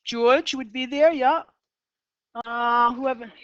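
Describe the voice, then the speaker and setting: A fairly high-voiced woman in her fifties with a Boston accent, leading a math lecture in a classroom. She talks in a chatty way, quizzing the students and wandering into side stories. The recording is dull and lo-fi, with a dry sound. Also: steady tone, slow, fairly bright tone, clean tone, dry recording. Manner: chatty, asks the class questions, digresses. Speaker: math teacher.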